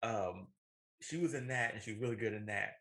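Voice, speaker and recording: A podcast co-host rambles emphatically through a casual discussion of animated movies, correcting himself along the way. His voice is lowish, fairly bright and brisk.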